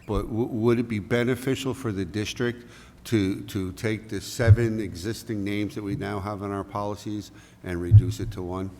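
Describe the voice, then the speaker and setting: A man's voice: on the low side, steady tone, moderate pace, mellow, a little hiss or hum. A man on the board, asking a polite, carefully worded question at a public meeting. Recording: long reverb of a meeting hall.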